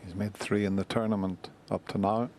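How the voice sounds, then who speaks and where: Male snooker commentator, subdued and flat in intonation, faint hall noise behind. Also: lowish voice, a little fast. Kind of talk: quiet live snooker commentary. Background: faint arena ambience.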